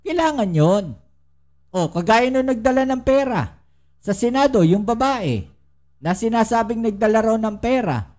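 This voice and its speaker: A woman's voice: fairly high pitch, lively intonation, normal speed, darkish tone. A woman giving casual political commentary to her viewers, full of rhetorical questions and tag questions. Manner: addresses viewers directly and often.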